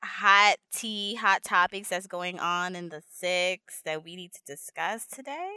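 Woman, podcast host, playful, laughs a lot, bright voice, dry sound. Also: lowish voice, unhurried, clean tone, no echo. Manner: laughs often, upbeat, playful. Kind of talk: casual podcast chat.

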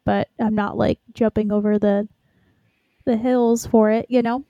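A woman's voice: mid-range voice, level tone, a little slow, warm tone, no echo, highs cut off. A woman in casual fan chat as a podcast co-host.

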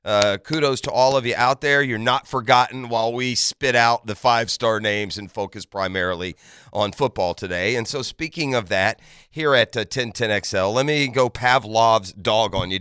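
Bright, crisp male morning show host. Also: mid-range voice, animated, normal speed, no echo, clean studio sound. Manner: earnest, emphatic, addresses listeners directly. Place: radio studio. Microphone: close studio microphone.

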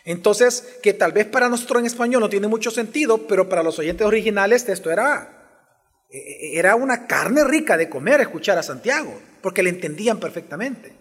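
A high-pitched man delivers a teaching sermon, speaking straight to the people in front of him and pressing his points with changing emphasis. His voice carries a long reverb from a large church hall. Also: lively intonation, brisk, fairly bright tone, breathy edge. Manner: expository preaching, shifting pace and emphasis, addresses congregation directly. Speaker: pastor.

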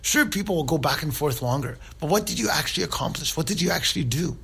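Gravelly-voiced man giving an earnest talk. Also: fairly high pitch, lively intonation, fast talker, sharp tone. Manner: conversational, earnest, often adds "right?". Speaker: Islamic speaker. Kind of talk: informal religious talk.

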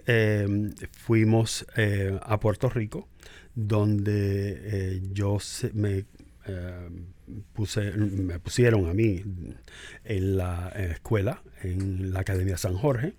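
Older guy from cuba, lowish voice, halting and full of "eh" pauses, very dry sound. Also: a little mellow, no echo. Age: 60s. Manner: hesitant, many drawn-out "eh" pauses. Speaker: guest, physician. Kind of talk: reflective interview talk.

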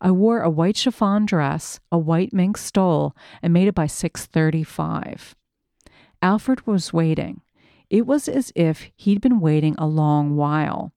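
A woman reading a first-person memoir aloud in a measured, reflective storytelling manner. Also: fairly low pitch, dark tone, no echo, studio quality. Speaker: narrator.

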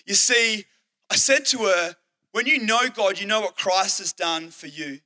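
Bright-voiced Australian youth pastor. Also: male voice, high voice, lively intonation. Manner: earnest storytelling, acts out quoted speech, slows for emphasis. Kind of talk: sermon with personal stories.

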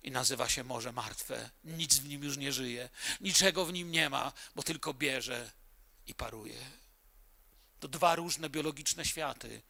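Gravelly, bright-voiced male preacher. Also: mid-range voice. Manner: emphatic preaching, stretching key words slowly. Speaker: pastor. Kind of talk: sermon.

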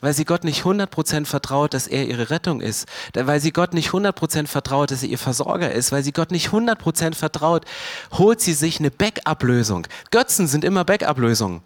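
A man preaching a sermon as pastor, animated, swinging between loud emphatic bursts and quiet low asides. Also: fairly quick, no echo.

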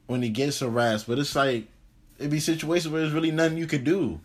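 Thoughtful young man, halting casual talk. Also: a little high. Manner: thoughtful, halting, many fillers. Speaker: podcast co-host. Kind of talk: casual chat.

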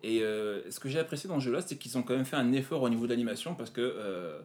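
A man presenting retro video games in a casual chat, pausing often with fillers. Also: mid-range voice, expressive, darkish tone. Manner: hesitant, many fillers. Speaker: game presenter.

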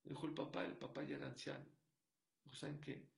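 A man giving a sermon, telling a story and swinging from hushed to loud as he makes his point. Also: on the high side, fairly even intonation, quick pace, creaky. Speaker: rabbi.

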